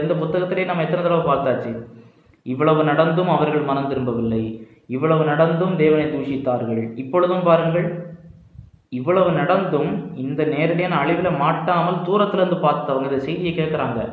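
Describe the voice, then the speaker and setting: ஒரு ஆண் பைபிள் வகுப்பு நடத்துகிறார். அவர் வசனங்களை உரக்க வாசிக்கிறார், தானே கேள்வி கேட்டு தானே பதில் சொல்கிறார். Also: male voice, on the high side, a little fast, phone-quality sound. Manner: asks questions and answers them himself, reads verses aloud. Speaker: Bible teacher. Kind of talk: Bible study lesson. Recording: very echoey room.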